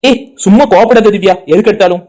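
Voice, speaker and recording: A woman's voice: medium pitch, fast, a little mellow, close to an everyday voice. A woman voicing a soothing, pleading young village woman in her twenties in a cartoon, with a Tirunelveli Tamil accent.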